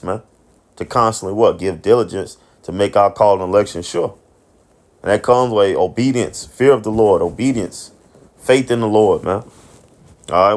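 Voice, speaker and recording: A man giving informal scripture commentary, reading Bible verses and ending his phrases with "man" and plenty of swearing. He repeats and restarts words and asks himself questions before answering them. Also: on the low side. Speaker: street preacher and commentator.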